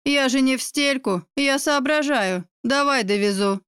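A woman's voice: high voice, a little slow, fairly bright tone, clean tone, dry recording, clean studio sound. A woman voicing a dismissive young man who talks curtly. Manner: curt, brusque.

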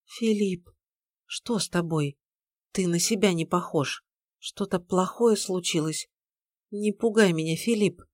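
A woman reading an audiobook, voicing a gentle, anxious young pregnant woman who pleads tearfully. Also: mid-range voice, normal speed, no echo, studio quality, voice pushed up, lightly acted. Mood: anxious pleading.

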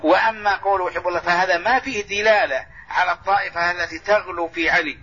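A man's voice: sits high, steady tone, quick pace, sharp tone, husky. A man teaching a mosque lesson as sheikh, explaining and correcting points and restating them again and again, heard on a dull old tape recording. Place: large mosque lesson hall.

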